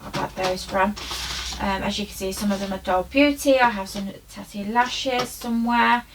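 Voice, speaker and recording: A young beauty vlogger gives a casual, rambling tour of her makeup storage in her bedroom, full of loose fillers. Her voice is medium-pitched at normal speed, recorded slightly distant with a faint hiss.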